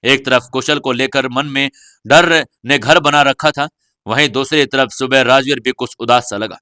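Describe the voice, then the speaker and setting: A male storyteller reading a serialized audio novel with a steady, even delivery. His voice is bright and forward, and the recording is dry and close with no room sound. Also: medium pitch, normal speed, smooth, no echo. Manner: steady storytelling, voicing every character. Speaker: narrator. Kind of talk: scripted audio-novel narration.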